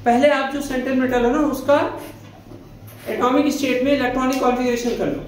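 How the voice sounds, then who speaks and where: A man's voice: very high-pitched, flat delivery, brisk, a little hiss or hum. A male chemistry teacher giving a classroom lecture, asking the students questions and answering them himself, affectionately calling them "beta". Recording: echoey classroom.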